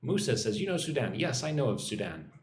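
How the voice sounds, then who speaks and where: In a roomy, echoing space with faint noise behind him, an American man hosts a casual English-teaching livestream. He greets viewers and reads out and responds to comments, chatty and informal. His medium-pitched voice is very animated and brisk.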